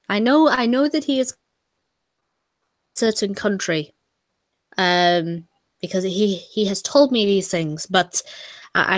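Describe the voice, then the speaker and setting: A woman's voice: mid-range voice, fairly bright tone, dry recording, studio quality. Chatty woman on a stream. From Britain. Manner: chatty, laughing, self-mocking. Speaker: co-host. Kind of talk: casual chat on a stream.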